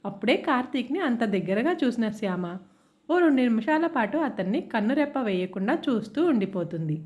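Expressive woman narrating a love story. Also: on the high side, brisk.

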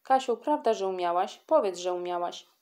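A woman voicing a loyal, excitable young schoolgirl who pleads insistently with her friend in a storybook reading. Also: mid-range voice, normal speed, lightly acted. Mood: pleading.

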